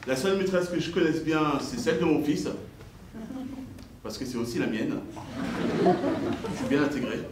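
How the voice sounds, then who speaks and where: A man from Normandy doing a stand-up comedy set, jumping high for quoted voices and dropping low for asides. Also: animated, moderate pace, long pauses. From Normandy, France. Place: stage in an echoey hall. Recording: echoey, distant live recording, noisy.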